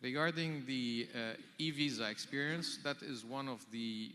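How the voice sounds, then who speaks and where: Man, panelist, steady delivery, fillers, echoing hall. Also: medium pitch, normal speed, slight background noise. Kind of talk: conference panel answer. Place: large conference hall. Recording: reverberant conference hall.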